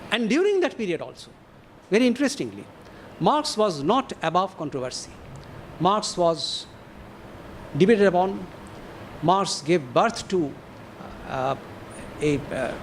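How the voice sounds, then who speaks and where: A man with an Indian English accent giving an academic lecture to an audience, deliberate and posing rhetorical questions with measured pauses. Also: sits high, slight background noise.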